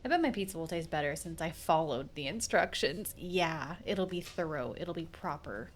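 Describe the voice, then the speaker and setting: A woman's voice: deep voice, lively intonation, moderate pace. A young woman streams a game from home on a desk mic, chatting loosely and rambling from thought to thought. Her talk is full of slang and the occasional swear, with a faint hum of room ambience behind her. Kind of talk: casual live-stream gameplay commentary.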